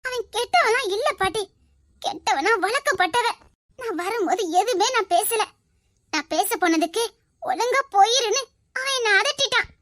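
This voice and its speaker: A woman acts out a proud young woman in a family drama, speaking earnestly and defiantly in a Tirunelveli Tamil accent. Her voice is very high and bright, and the sound is dry and close. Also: expressive, moderate pace, dry recording.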